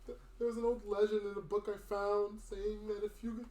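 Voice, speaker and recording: A man's voice: high-pitched, little pitch movement, moderate pace, mellow, close to an everyday voice. A man voicing a frightened elderly village man who pleads and rambles through tears, in a roomy recording. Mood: nervous. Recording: roomy with faint noise.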